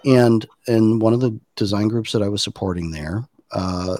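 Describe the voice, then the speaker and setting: Low-voiced middle-aged guy on a podcast, explaining stuff, lots of uhs, dry sound. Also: moderate pace, mellow, no echo. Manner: thoughtful, explanatory, loose with fillers and restarts. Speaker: podcast guest, design practitioner. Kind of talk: casual conversational podcast.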